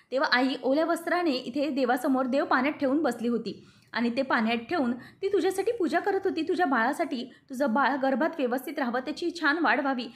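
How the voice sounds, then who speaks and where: A woman's voice: high-pitched, pitched above the performer's own voice. A woman reading aloud the lines of an earnest young husband pleading with his wife, in a slightly raised voice.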